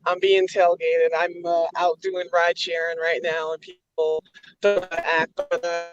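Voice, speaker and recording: A woman calling in to a talk show over a car speakerphone while driving. She sounds muffled, as if in a tunnel, and talks in a halting, casual way with many ums. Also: on the low side, little pitch movement, over music. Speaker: caller. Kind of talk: casual call-in chat.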